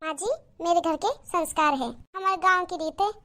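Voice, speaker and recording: A woman voicing a modest young village daughter-in-law in a cartoon moral story, polite and gentle. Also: very high voice, moderate pace.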